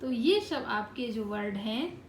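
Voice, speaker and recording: A woman's voice: fairly high pitch, lively intonation, slow pace. A woman teaching a grammar lesson to children, explaining step by step and checking in with "right?" as she goes. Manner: explains step by step, mixing English terms into Hindi, with frequent "right?" checks. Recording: echoey room with faint ambient noise.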